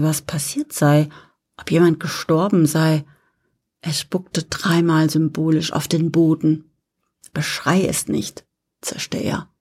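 Woman reading a story, soft and breathy, slips into whispers. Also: lowish voice. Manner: soft, often drops to a near whisper. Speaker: narrator. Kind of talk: scripted narration.

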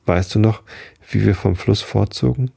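A man voicing a gentle, weary, parched wanderer near death in a read-aloud story. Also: lowish voice, normal speed, vocal fry, husky, dry recording, studio quality, heavily acted. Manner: gentle, tired, soothing.

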